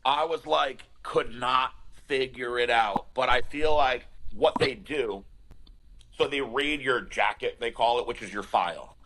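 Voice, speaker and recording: A man who is a podcast guest, telling a personal story in a casual, animated, candid way with frequent restarts. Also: mid-range voice, measured pace, slight background noise, poor audio.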